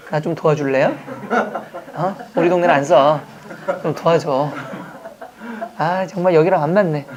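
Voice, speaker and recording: A man from Jeju Island teaching an exam-prep language class, chatting, joking and quizzing his students with quick questions. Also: high-pitched, darkish tone. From Jeju Island, Korea. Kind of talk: classroom lecture. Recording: dull lo-fi lecture recording.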